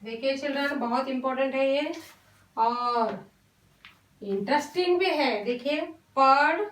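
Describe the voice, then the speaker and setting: A woman teaching a Hindi lesson to young children, talking slowly and patiently, drawing out syllables and mixing in English words. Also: high-pitched, far from the mic. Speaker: primary school Hindi teacher. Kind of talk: online classroom lesson. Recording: roomy echo, voice off-mic.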